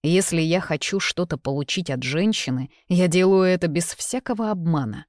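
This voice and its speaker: A woman's voice: on the low side, normal speed, a little mellow, no room sound, clean studio sound, lightly acted. Woman voicing a cocky teasing young man. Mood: defensive. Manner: mocking, provocative.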